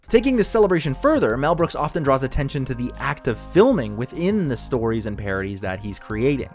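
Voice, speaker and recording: Lively-voiced man narrating an essay. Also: mid-range voice. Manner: dry jokey asides in an analytical tone. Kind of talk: scripted narration.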